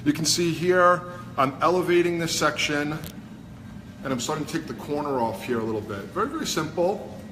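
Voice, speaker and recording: A man's voice: fairly high pitch, a little fast, pushed and bright. Man with a Brooklyn accent, informal hairdresser. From New York, USA. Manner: informal, explains step by step while working. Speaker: hairdresser demonstrating a cut. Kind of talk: casual live demonstration. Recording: noisy busy salon background.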